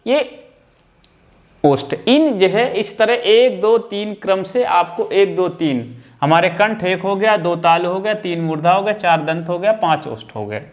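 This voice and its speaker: A man teaching a grammar lesson, explaining step by step and repeating key terms. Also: sits high. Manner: slow, explaining step by step with counted lists.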